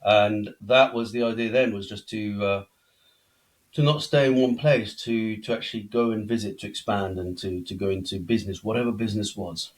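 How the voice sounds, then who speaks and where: Low-voiced middle-aged man, chatting. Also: steady tone, moderate pace. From Belgium. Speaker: podcast guest. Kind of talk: conversational life-story interview.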